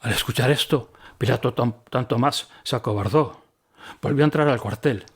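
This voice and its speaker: A man who teaches the Bible, reading his book aloud with commentary, expressive and with occasional slips. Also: medium pitch, normal speed, breathy edge.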